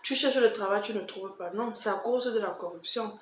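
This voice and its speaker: A woman's voice: mid-range voice, brisk, slight background noise. Echoey Cameroonian woman, emphatic vlog chat. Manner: emphatic, repeats herself, adds rhetorical tag questions. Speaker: vlogger answering tag questions. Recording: roomy echo, faint background music.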